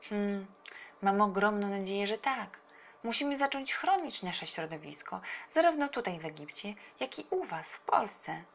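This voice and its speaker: A woman's voice: medium pitch, gravelly, slight background noise. A woman voicing a brave, caring uncle in a children's storybook reading, speaking in a firm, earnest way. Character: brave, caring uncle, middle-aged man.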